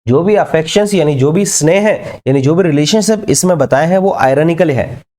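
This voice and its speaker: Mellow-voiced man teaching literature. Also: fairly high pitch. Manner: mixes Hindi with English, dictates English lines slowly; asks and answers his own questions. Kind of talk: exam-prep lecture.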